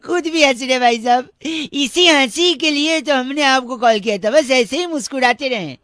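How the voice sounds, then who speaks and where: A man voicing a cheeky, high-voiced prankster on a radio prank call, silly, pun-loving and mock-polite. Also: normal speed, a bit bright. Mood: mischievous.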